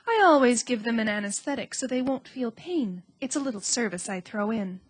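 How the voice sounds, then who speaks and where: A woman voicing a wise female spider with a sweet, musical voice and a brisk, composed manner. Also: on the high side, lively intonation. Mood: calm.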